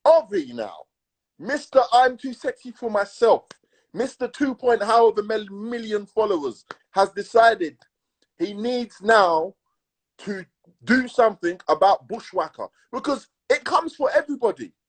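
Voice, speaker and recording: A man with a London roadman accent telling stories in casual, slangy chat, emphatic and repetitive, with a husky voice. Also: high-pitched, expressive, a little slow, low-quality recording. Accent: London urban, roadman. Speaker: podcast co-host.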